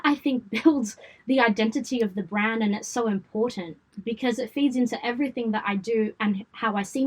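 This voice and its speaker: A woman's voice: a little high, darkish tone, slightly rough, rough recording. A woman in her late twenties with a western Sydney Australian accent, speaking candidly and informally as an interview guest. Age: late 20s. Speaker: interview guest, event company founder. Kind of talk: conversational interview.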